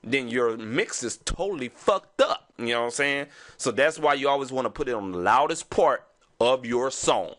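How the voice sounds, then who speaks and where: A man's voice: mid-range voice, animated, normal speed, a bit bright. A man with a Houston accent, sounding stuffy from sinuses, casually explaining music production and saying "you know what I'm saying" again and again. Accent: Southern US, Houston. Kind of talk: casual screen-recording tutorial.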